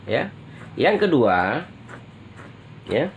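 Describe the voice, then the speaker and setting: A man doing a tarot reading for an online audience, speaking at a very unhurried pace. He calls his viewers friends and checks in with them after almost every short phrase. His voice sits at an ordinary pitch, and he clears his throat from time to time. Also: very animated, lo-fi sound, slight background noise. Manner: slow, drawn-out delivery with constant "ya" tag questions. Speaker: tarot reader.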